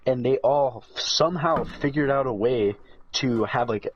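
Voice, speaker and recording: A man's voice: medium pitch, a little slow. A twenty-year-old man chatting casually as a podcast co-host, blunt and full of swearing. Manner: blunt, profane. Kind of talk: casual chat. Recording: dull lo-fi sound.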